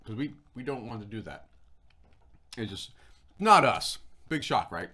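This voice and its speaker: A man's voice: medium pitch, big pitch swings, unhurried, bright, forceful tone, slightly rough. A man hosting a casual livestream chat, rambling and talking while he eats. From Florida. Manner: rambling, chatty, talks while eating. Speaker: show host.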